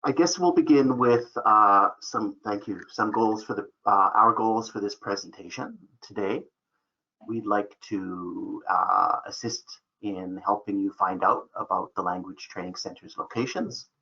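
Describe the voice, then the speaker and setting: A man hosting an online webinar as a program manager, speaking in a relaxed way with many fillers. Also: on the low side, unhurried. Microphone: video call. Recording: dull lo-fi call audio.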